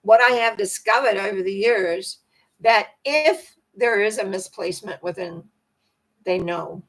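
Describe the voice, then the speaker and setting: An older woman with a hoarse, croaky voice that cracks and needs clearing. She hosts a spiritual talk on personal growth, chatting in a loose, rambling manner. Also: mid-range voice, measured pace, poor audio. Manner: rambling, conversational. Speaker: host.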